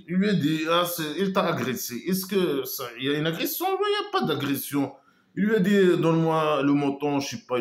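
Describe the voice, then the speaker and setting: Man, slightly high voice, casual critical monologue, hesitant and scornful, echoey room. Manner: hesitant, full of trailing asides; scornful, mocking. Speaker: online commentator.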